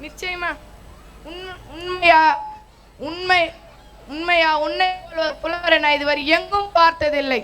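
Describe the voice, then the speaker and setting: A woman's voice: very high-pitched, steady tone, unhurried, long pauses, sharp tone, full character voice. A woman playing a poor, greedy male poet in a stage play, whiny and sarcastic as he pleads with the gods for gold. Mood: comic.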